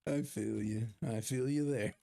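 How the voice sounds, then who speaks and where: A man with a warm, creaky, mid-range voice streams a game and chats casually with his viewers. He rambles as he plays and pokes fun at himself along the way.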